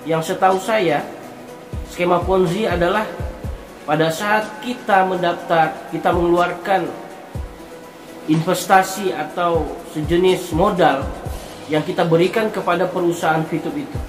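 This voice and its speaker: A man explaining something to viewers in a monologue, speaking deliberately in halting phrases and repeating words for emphasis. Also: high-pitched, steady tone. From Indonesia. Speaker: online content creator. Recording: roomy echo with music behind. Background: music.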